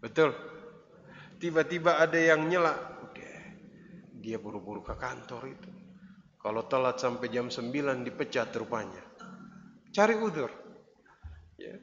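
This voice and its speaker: A man's voice: medium pitch, animated, measured pace, long pauses, a bit bright, slight background noise. A man giving a dawn sermon in a mosque. He tells funny everyday stories and keeps putting questions to the congregation. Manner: storytelling with jokes, asks the congregation questions. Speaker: preacher. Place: mosque hall. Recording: echoey long-reverb hall, dull lo-fi sound.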